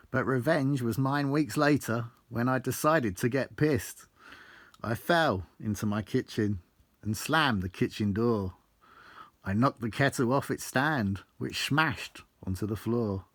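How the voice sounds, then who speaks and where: Reading from his own book, a man performs his life story in rhyming verse, theatrical, blunt and full of swearing. His voice is medium in pitch, unhurried and a bit bright, with no room sound at all.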